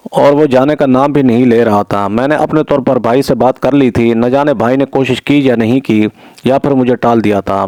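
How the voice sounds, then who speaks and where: A man narrating a moral story in the first person, in a measured, even storytelling manner. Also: mid-range voice, dry recording. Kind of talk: scripted narration.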